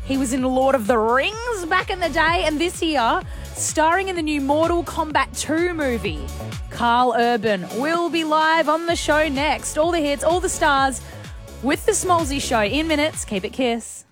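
A woman's voice: sits high, animated, a little slow, a bit bright, faint music behind. A woman with an Australian accent presenting on the radio in a promotional chat style. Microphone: close studio microphone.

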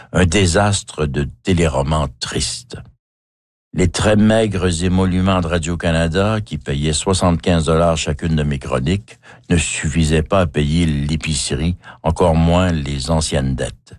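A very low-voiced Québécois man reads his own life story with measured, wry theatricality. The recording is dry and close, with no room sound. He sounds like an author in his fifties telling his past. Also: no echo. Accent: Québécois French. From Quebec. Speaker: author narrating his memoir. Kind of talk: reflective autobiographical reading.

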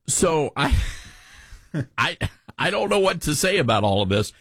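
Man, mellowed Southern US accent, husky, lively intonation, folksy radio commentary, dry sound. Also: fairly high pitch, unhurried, no room sound. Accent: mellowed Southern American. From Southern US, Tennessee. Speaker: talk radio host. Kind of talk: conversational talk radio commentary.

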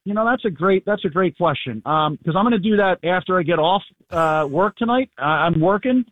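A sports reporter calls in from abroad for a casual radio phone interview. His voice is hoarse and fairly high, scratchy-throated, with a close, dry, tinny phone sound and no echo. He rambles easily and briskly in an animated, easygoing way, using many fillers.

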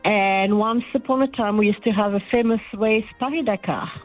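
A woman's voice: medium pitch, normal speed, narrow, tinny audio, soft background music. Friendly woman caller from Senegal. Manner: friendly, chatty, laughs easily. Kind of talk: casual radio call-in chat. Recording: phoned-in call over the radio.

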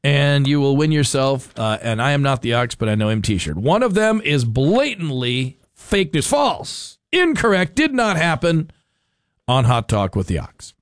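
A man's voice: medium pitch, big pitch swings, a little slow, no room sound. A man talking as a talk radio host in a studio, bantering with callers and his producer. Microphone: studio microphone.

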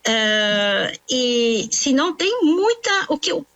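Lady explaining stuff in an interview, lots of ums, kinda high voice. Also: big pitch swings, slow pace, fairly bright tone. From France. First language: French. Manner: earnest, explanatory, with many fillers and restarts. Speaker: nutritionist, author. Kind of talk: interview answer.

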